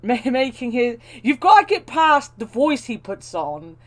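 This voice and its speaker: A woman's voice: fairly high pitch, sing-song, a little slow. A woman chatting casually while streaming a video game.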